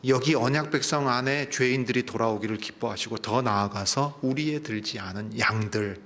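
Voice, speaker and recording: A man's voice: mid-range voice, fairly bright tone, slight background noise. A man, a pastor, preaching a Sunday sermon, retelling a parable with questions to the congregation. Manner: storytelling preaching with asides to the congregation.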